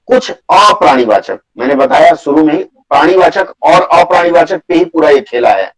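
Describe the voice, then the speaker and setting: Male teacher, online class, patient, repeats himself, lists example words slowly. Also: a little high, expressive, over a noisy crowd, rough recording. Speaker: Hindi grammar teacher. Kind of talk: live online class lecture.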